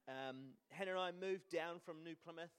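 A man's voice: a little high, moderate pace, clean tone. A young man with a New Zealand accent giving an informal sermon in a casual, hesitant, self-deprecating way. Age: young adult. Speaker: church speaker giving a sermon.

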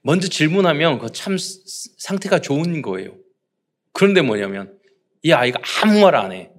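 A man's voice: on the high side, sing-song, a little fast. A man preaching a sermon to his congregation, asking rhetorical questions and acting out parents and children. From South Korea. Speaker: pastor.

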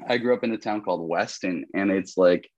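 The low-pitched, brisk voice belongs to a young Colombian man, a podcast guest in a casual conversational interview. His relaxed, rambling delivery is peppered with "like" and "you know." The lo-fi recording carries no room sound.

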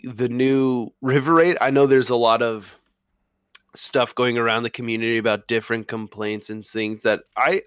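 A man's voice: mid-range voice, fairly bright tone, clean tone, no echo, studio quality. A man co-hosting a podcast, easygoing and hesitant, with many ums. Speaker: podcast co-host. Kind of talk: casual podcast chat.

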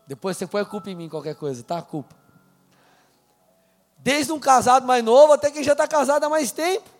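High-pitched guy preaching casual, church hall echo, soft music under it. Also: expressive. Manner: conversational preaching, slows to read scripture. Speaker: pastor. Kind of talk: sermon.

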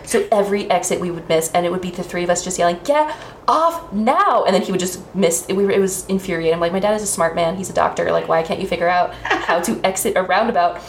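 A woman's voice: lowish voice, quick pace, hardly any pauses. A woman in her twenties, a stand-up comedian, telling casual stories with plenty of swearing. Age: 20s. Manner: chatty storytelling, swears freely. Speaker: podcast guest, stand-up comedian. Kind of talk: casual chat. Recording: echoey room with faint noise.

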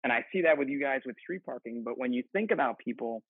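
A man's voice: medium pitch, expressive, quick pace, slightly rough, dry recording. Man on a tinny phone-like line. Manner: rambling, laughs often, many restarts. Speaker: firefighter guest. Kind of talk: casual podcast chat.

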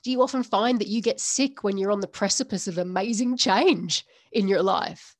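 A woman hosting a solo coaching podcast talks sincerely to her audience through a series of repeated rhetorical questions. She has a mid-range voice at a moderate pace, captured as a dry, clean studio recording.

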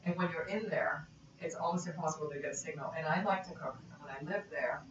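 A woman's voice: low voice, fast talker. A woman from Italy, a guest in a casual conversation, talking thoughtfully and often trailing off mid-sentence. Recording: distant mic in echoey room, dull and noisy.

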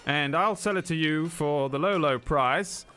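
Man doing a high, pushy tiefling junk merchant. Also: measured pace, sharp tone, clean tone, soft background music. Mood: salesy. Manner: wheedling hard sell.

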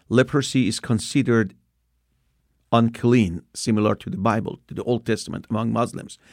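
A man's voice: mid-range voice, a little mellow, no room sound, studio quality. A man from Iran in his sixties with a Persian accent, earnestly telling his personal testimony with occasional restarts. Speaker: speaker giving his testimony.

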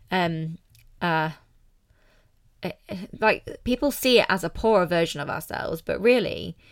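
A woman's voice: lowish voice, fairly bright tone, dry recording, clean studio sound. A British woman hosting a solo podcast, talking informally and candidly with an emphatic, motivational manner. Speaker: podcast host.

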